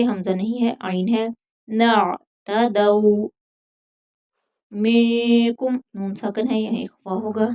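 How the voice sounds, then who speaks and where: A woman teaching tajweed, reciting verses in a drawn-out chant and then explaining each letter rule in quick spoken lines. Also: medium pitch, warm tone. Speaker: Quran teacher.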